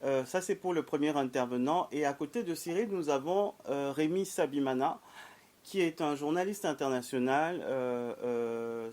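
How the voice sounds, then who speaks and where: A man's voice: mid-range voice, darkish tone. Formal French-speaking male interview host. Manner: measured, formal, with many hesitations.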